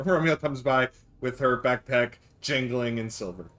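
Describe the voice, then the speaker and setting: A man's voice: medium pitch, measured pace, crowd noise. A man acting as game master, narrating a tabletop game casually and often thinking aloud with some hesitation.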